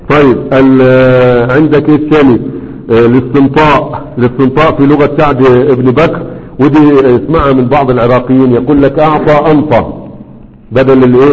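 A man's voice: mid-range voice, big-room sound, muffled recording, a little hiss or hum. A man teaching a class, explaining and checking in with his students again and again. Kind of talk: classroom lecture.

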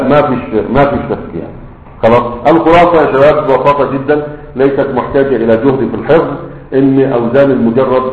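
Male grammar teacher, Egyptian Arabic accent, mid-pitched, patient explainer; dull, roomy recording. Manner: patient, explanatory, keeps checking understanding with quick questions. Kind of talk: classroom-style grammar lesson.

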